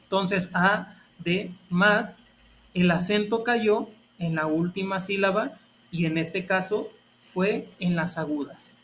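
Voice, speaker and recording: Male teacher, high voice, patient lesson delivery. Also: measured pace, a little hiss or hum. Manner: patient, step-by-step explaining. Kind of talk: explaining a grammar lesson.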